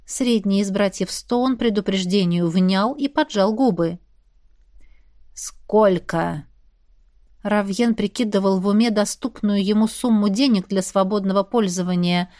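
Female audiobook narrator, measured delivery, dry close-mic studio sound. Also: mid-range voice, a little mellow, no echo. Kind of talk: scripted narration of a romantic fantasy novel.

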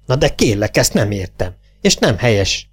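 A man's voice: lowish voice, sing-song, breathy edge, faint music behind. A man voicing a fussy male comic actor who speaks slightly nervously, as he does on stage.

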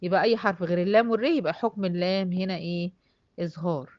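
A woman with an Egyptian Arabic accent leads a tajweed class, moving point by point and answering her own questions. She slows down to stretch out each example word. The recording is dry and a little muffled. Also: lowish voice, fairly even intonation, dry recording. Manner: explains step by step, asks and answers her own questions, drawls out example words. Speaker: Quran recitation teacher.

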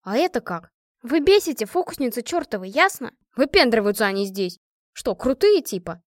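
A woman's voice: medium pitch, big pitch swings, no echo, clean studio sound, lightly acted. A woman voicing a playful young fighter who teases and snaps at her teammates. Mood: irritated. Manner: teasing, quick to snap.

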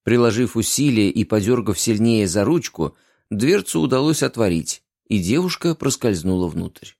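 A man reading a story aloud in steady scripted narration. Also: lowish voice, normal speed, vocal fry, no room sound, clean studio sound. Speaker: audiobook narrator.

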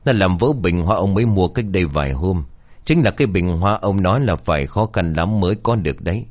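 A man's voice: deep voice, animated, a little fast, a little mellow. A man voicing a bitter, cruel senior wife who scolds a servant. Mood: cold.

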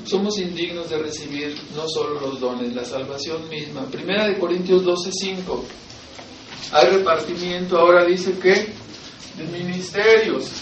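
A man's voice: high voice, a little slow, echoey room, distant mic, dull audio, a little hiss or hum. A man with a Mexican Spanish accent preaching a sermon as pastor, emphatic, posing rhetorical questions and answering them. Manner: emphatic, rising to loud exhortation, asks and answers rhetorical questions.

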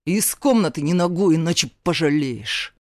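A woman voicing a furious, abusive middle-aged stepfather who snarls and barks orders, drawing some words out slowly, in an audiobook. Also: low voice, lively intonation, darkish tone, dry recording, clean studio sound. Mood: barking. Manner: snarling, barking orders, slowed hissing.

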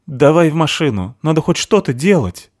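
A man's voice: on the high side, very animated, normal speed, no echo, clean studio sound, pitched above the performer's own voice. A man voicing a tough young woman who barks blunt orders. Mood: urgent commanding. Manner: barking orders, brusque.

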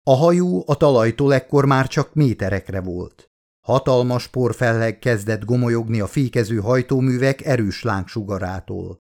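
A man reading his own audiobook from Hungary in a steady narrating voice, acting out the dialogue with lively lifts. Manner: acts out crew dialogue with raised pitch and excitement.

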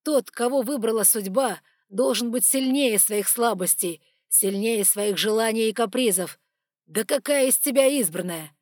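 A woman voicing a stern, controlled male dragon who speaks measured and through clenched teeth, in an audiobook. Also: fairly high pitch, darkish tone, dry recording, studio quality, close to an everyday voice. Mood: tense.

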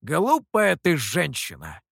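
A man's voice: fairly high pitch, huge pitch swings, takes it slowly, creaky, fairly bright tone, breathy edge, no echo, clean studio sound, full character voice. A reader voicing a stubborn male monkey lord who talks in a pompous, insistent, raised voice.

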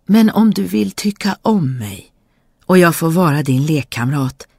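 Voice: medium pitch, expressive, a little mellow, no room sound. A reader voicing an insistent male frog who calls out shrilly in a fairy tale reading. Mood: coaxing. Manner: calls out shrilly, croaks kvack. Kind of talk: storybook reading.

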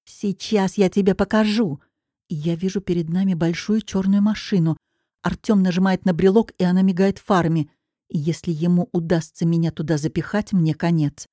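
A woman narrates a first-person novel expressively, with a lowish, mellow, warm tone. The recording is dry and close, with no room sound at all. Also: moderate pace, dry recording. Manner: dramatic, expressive storytelling. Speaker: audiobook narrator.

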